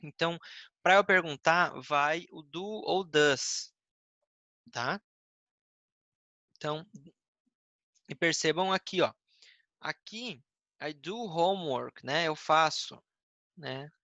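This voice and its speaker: A Brazilian man teaching basic English grammar, patiently explaining step by step and reading example sentences slowly. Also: fairly high pitch, pushed and bright, dry recording, lo-fi sound. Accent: Brazilian Portuguese. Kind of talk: recorded grammar lesson.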